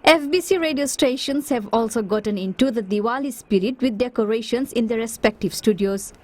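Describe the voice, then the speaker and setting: Woman doing a news report voiceover, slightly high voice, scripted. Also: brisk.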